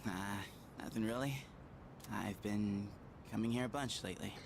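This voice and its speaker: A man's voice: fairly low pitch, normal speed, creaky. An actor playing a casual, self-deprecating teenage schoolboy in an anime game, with a slangy anime boy voice. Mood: casual, subdued. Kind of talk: dubbed anime game dialogue.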